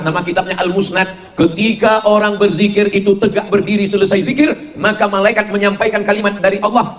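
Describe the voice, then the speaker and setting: Animated high-voiced male preacher. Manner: animated, mimics voices for jokes, shifts between high and low pitch. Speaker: Islamic preacher. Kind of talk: humorous sermon to a live congregation.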